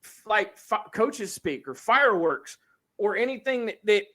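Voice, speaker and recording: A man's voice: sits high, animated, a little slow, a bit bright. A man hosting a casual sports talk show, speaking in an opinionated, emphatic way. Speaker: sports podcast host.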